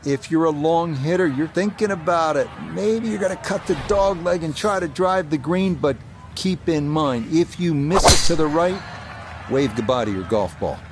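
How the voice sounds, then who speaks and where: A man doing golf commentary as lead announcer, calling shots in short, measured phrases. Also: fairly high pitch, lively intonation, background noise.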